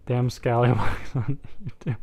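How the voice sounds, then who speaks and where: A man's voice: mid-range voice, steady tone, measured pace, warm tone, breathy edge. A young man hosting a live-streamed board game, chatting with his viewers in a joking, rambling way with plenty of fillers. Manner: chatty, joking, talks to chat, many fillers. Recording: music faintly behind the voice.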